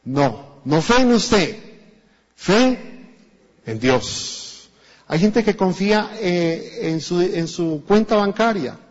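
A man preaching a sermon in a church with a Colombian Spanish accent, animated and acting out the voices of people in his stories. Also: sits high, slow pace. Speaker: pastor. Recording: dull echoey church recording.

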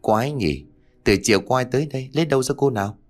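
A man's voice: mid-range voice, fast talker, pitched above the performer's own voice, lightly acted. A man doing a chatty young boy. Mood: eager. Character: young boy, older son, eager.

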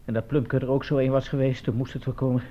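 An actor playing a defiant, stubborn young injured prisoner in a radio drama. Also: male voice, medium pitch, flat delivery, fast, natural voice. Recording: dull lo-fi radio play recording.

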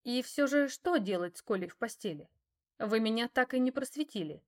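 A woman's voice: on the high side, expressive, brisk, close to an everyday voice. A woman doing a cool, mocking young wife. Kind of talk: audiobook character voice.

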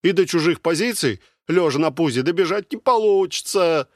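Man doing a sarcastic soldier guy, higher voice, needling, dry close sound. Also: expressive, normal speed, dry recording, natural voice. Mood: mocking. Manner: mocking, needling.

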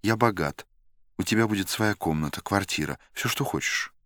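A deep, anxious middle-aged man, as a male reader plays him in an audiobook. He pleads and frets in a low, dry voice. The recording is close and dead. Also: expressive, normal speed, a bit bright, dry recording. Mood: pleading. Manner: pleading, nervous.

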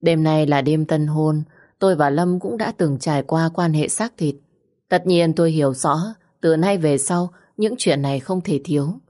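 A woman narrating a first-person story in a steady, reflective way. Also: deep voice, moderate pace.

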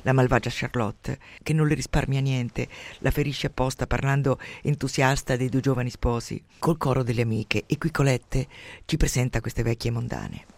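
A man hosting a radio program who retells and reads from a novel in an expressive, conversational way. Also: mid-range voice, normal speed, gravelly, no room sound. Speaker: radio host reading and discussing a novel. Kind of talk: literary reading and commentary on radio.

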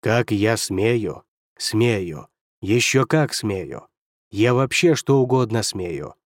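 A man's voice: medium pitch, lively intonation, normal speed, darkish tone, no echo, clean studio sound, natural voice. A man doing a brash, mocking demon lord. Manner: mocking, snorting, offhand. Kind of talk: audiobook character voice.

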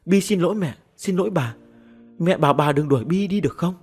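A man voicing a sulky, clingy little ghost girl in a high, tearful childish voice. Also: expressive, a little fast, darkish tone, slightly rough, faint music behind.

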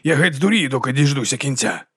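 A man puts on a jumpy male police officer in an audiobook thriller, rattled and quick to curse. The voice stays close to a plain mid-pitched reading voice, recorded dry and close. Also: animated, fairly bright tone, husky, dry recording. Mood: shaken.

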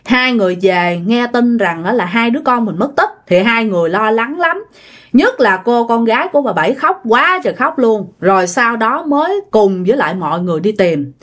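A woman's voice: on the high side, big pitch swings, normal speed. A woman with a Southern Vietnamese accent telling a ghost story in a chatty way, speaking directly to her listeners. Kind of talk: casual ghost story narration.

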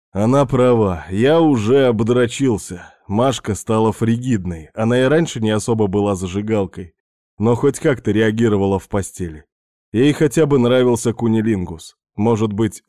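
A man's voice: lowish voice, warm tone, no echo, studio quality. A man reading a first-person story aloud in a plain, matter-of-fact way. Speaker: narrator.

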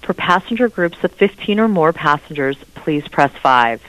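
A recorded phone menu message played over a phone line, reading options in slow, evenly spaced prompts. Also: medium pitch, animated, fairly bright tone, no echo.

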